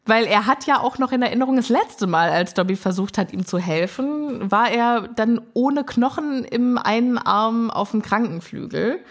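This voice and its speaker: A woman's voice: on the high side, normal speed, hardly any pauses. A woman co-hosting a podcast, retelling a book chapter in casual chat and acting out the quotes. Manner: animated retelling with acted-out quotes. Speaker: podcast co-host.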